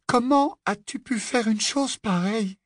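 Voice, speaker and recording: A man voicing a distressed teenage girl witch in an audiobook, pleading in a high, strained voice. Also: measured pace, no room sound, clean studio sound. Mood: distraught. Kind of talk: audiobook character voice.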